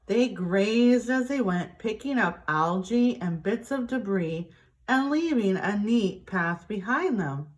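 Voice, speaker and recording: A woman reading a picture book aloud to young children in an expressive, deliberate teacher's way. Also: mid-range voice.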